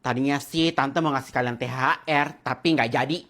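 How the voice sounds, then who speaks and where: A woman's voice: a bass voice, moderate pace, a bit bright, voice pushed down. A woman doing a nosy smug aunt. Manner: condescending, preachy. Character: nosy middle-aged aunt, meddling and smug. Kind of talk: comedy skit role-play.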